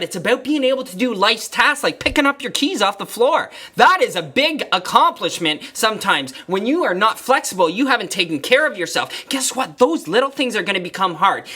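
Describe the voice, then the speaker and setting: Bright-voiced energetic male fitness podcaster. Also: high voice. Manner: energetic, emphatic, repetitive motivational phrasing. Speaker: fitness trainer and podcast host. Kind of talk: solo motivational podcast storytelling.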